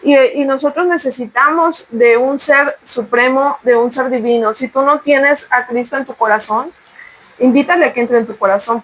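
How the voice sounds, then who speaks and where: High-voiced earnest woman. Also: a bit bright, rough recording. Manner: earnest, exhorting listeners directly. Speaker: podcast co-host sharing testimony. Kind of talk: conversational faith testimony.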